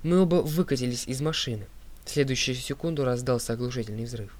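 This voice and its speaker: Man, audiobook narrator, steady clear reading, mid-pitched voice. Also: quick pace. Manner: steady, clear reading, dropping low on speaker tags. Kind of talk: scripted narration.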